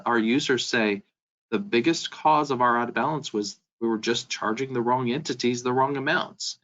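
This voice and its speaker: In a webinar, a man with a mid-range voice presents business software, explaining things and addressing his listeners directly. The audio is dull and band-limited.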